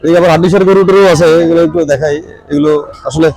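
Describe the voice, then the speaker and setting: A vlogger walks through a rainy, muddy outdoor cattle market, chatting with his viewers directly while asking sellers their prices and haggling. His fairly high, steady voice comes out rapid-fire and a little mellow. The low-quality recording has no echo, with crowd chatter and rain behind him.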